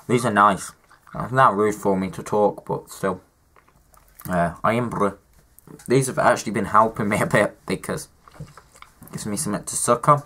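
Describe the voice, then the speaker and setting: A young male vlogger, sick with a cough and sore throat, chats casually to camera, rambling and poking fun at himself. His voice is fairly low, sounding pushed and bright.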